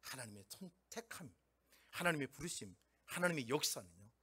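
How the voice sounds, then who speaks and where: A man's voice: medium pitch, expressive, moderate pace, bright, forceful tone, breathy edge. A middle-aged pastor preaching emphatically and putting rhetorical questions to his congregation. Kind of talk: sermon.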